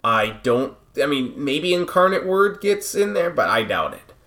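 A man's voice: a little high, big pitch swings, a little slow, sharp tone. A man co-hosting a sports podcast, agreeing often and moving the talk along to the next segment. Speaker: podcast co-host. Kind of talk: casual sports chat.

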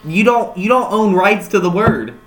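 A man co-hosting a casual music news chat with a friend, animated and quick to laugh. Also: high-pitched.

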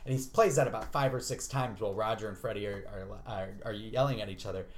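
A man's voice: on the low side, quick pace. A man chatting casually as a podcast co-host, laughing easily and acting out quotes. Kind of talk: casual chat.

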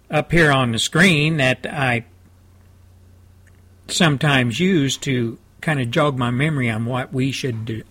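A man from South Texas hosting a talk radio show from his studio, rambling through a folksy monologue in a fairly even, drawling voice with homespun asides. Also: mid-range voice, slightly rough.

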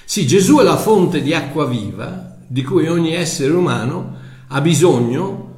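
Male preacher, slightly high voice, loose conversational sermon with restarts, echoey room. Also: lively intonation, measured pace, darkish tone. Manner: conversational, repeats words while searching for them.

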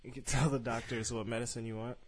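A man's voice: medium pitch, flat delivery, fast, a little hiss or hum. A man hosting a podcast in casual chat, laid-back and joking, swearing now and then. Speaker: podcast host.

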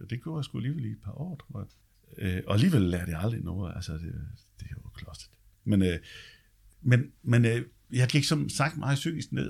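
Man, deep bass voice, gravelly, husky, casual storytelling, chatty, mild swearing. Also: darkish tone. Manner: chatty, tags lines with "ikke?", swears casually. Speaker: guest telling his life story.

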